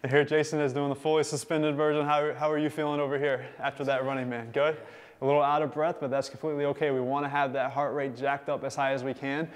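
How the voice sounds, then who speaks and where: A man's voice: fairly high pitch, level tone, quick pace. A man leading a suspension-strap workout video, cheering on his demonstrators and viewers at home and calling out the time left. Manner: upbeat, encouraging, counting down time. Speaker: fitness instructor.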